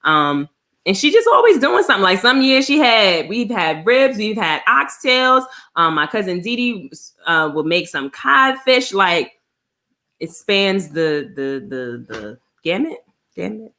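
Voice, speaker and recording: A woman's voice: mid-range voice, measured pace. A woman co-hosting a casual online show, chatting easily about food while eating. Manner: relaxed, chatty, talks with her mouth full. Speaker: co-host. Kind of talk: casual chat.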